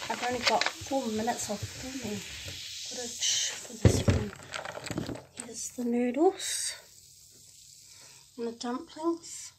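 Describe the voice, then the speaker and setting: In a homemade food challenge video, the young adult female host makes short, stop-start casual chatter while preparing and eating at an indoor kitchen or dining table. She speaks at a fairly high pitch. The audio comes from a phone propped at arm's length and is very noisy, with clicks throughout.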